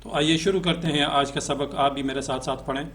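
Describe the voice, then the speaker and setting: A man teaching a Quran reading lesson. He chants letters and syllables slowly and melodically, then explains quickly, often checking in with a short "okay". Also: a little high, fairly even intonation, a bit bright. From Pakistan.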